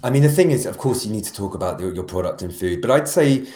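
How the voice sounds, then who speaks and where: A man with a low voice talks as a guest on a podcast, animated and rambling, often restarting his sentences. His voice carries a roomy echo. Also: fast. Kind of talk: casual podcast conversation.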